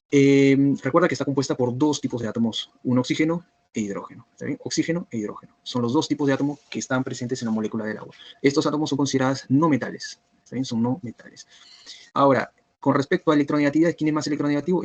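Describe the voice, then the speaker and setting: A man teaching a biochemistry review class online, who keeps checking whether students follow by asking if everything is clear. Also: medium pitch, fast, darkish tone, no echo. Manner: repetitive, checks understanding with "¿está bien?" and "¿cierto?".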